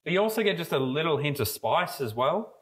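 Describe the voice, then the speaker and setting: A young man with a fairly high voice speaks a little fast as he co-hosts a podcast and tastes a homebrew. He's a mead brewer, recording indoors in a brewery room with steel tanks, and his casual chat is relaxed and rambling with many fillers and restarts.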